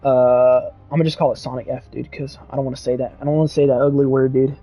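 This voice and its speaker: A young man streaming casually, reading chat and rambling excitably with lots of "dude" and "bro". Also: mid-range voice, quick pace, soft background music.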